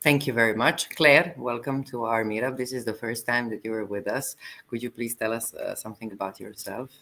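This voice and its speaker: Woman, online meetup host, halting delivery, video call audio. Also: rumbling low, fairly even intonation, fairly bright tone, rough recording. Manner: halting, many fillers and restarts.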